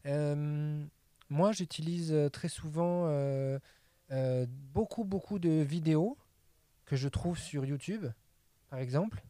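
A man's voice: on the high side, takes it slowly, warm tone, no room sound. A man, a linguist, chatting casually about language apps and videos, with many fillers and repeated words.

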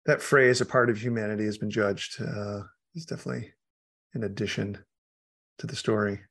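A man's voice: fairly low pitch, steady tone, normal speed, creaky, fairly bright tone. A man, an author guest, chatting casually through a film commentary, laughing often and restarting his sentences.

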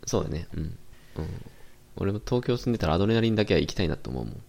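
A man's voice: deep voice, big pitch swings, rapid-fire, creaky, darkish tone. A young man with a Kansai accent, co-hosting a podcast in laid-back casual chat and laughing often. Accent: Kansai Japanese. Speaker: podcast co-host.

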